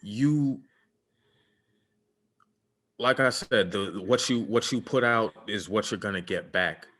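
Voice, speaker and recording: A podcast co-host gives relationship advice in casual chat, earnest and preachy, with lots of fillers. His voice is lowish, pushed and bright, and he takes it slowly.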